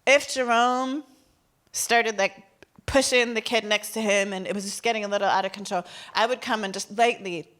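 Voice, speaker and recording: A woman speaks to a live audience in a keynote talk. She tells stories in an animated way and drops in playful asides. Her voice sits at an ordinary pitch for a woman. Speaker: keynote speaker and former teacher.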